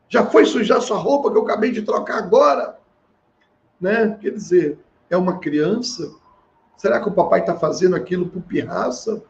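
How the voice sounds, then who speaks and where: A middle-aged family therapist tells stories in an earnest seminar talk, acting out the quoted dialogue. His voice is high and darkish with vocal fry, and the recording is slightly dull with a faint hiss.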